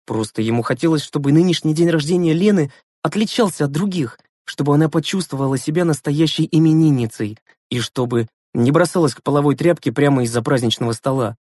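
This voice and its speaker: A man reading a children's story aloud in steady scripted narration. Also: fairly high pitch, brisk, dry recording, clean studio sound. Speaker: audiobook narrator.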